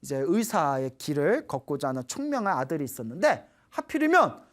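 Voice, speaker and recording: A woman who is a Buddhist nun gives a dharma talk to a studio audience, telling stories in an animated way and putting questions to her listeners. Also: low-pitched, brisk.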